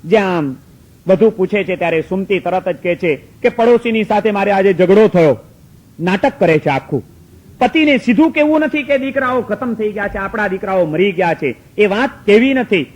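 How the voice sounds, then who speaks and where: Man, high-pitched, preacher, storytelling sermon, emphatic, repetitive. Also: normal speed, low-quality recording. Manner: emphatic, repetitive, rhetorical questions.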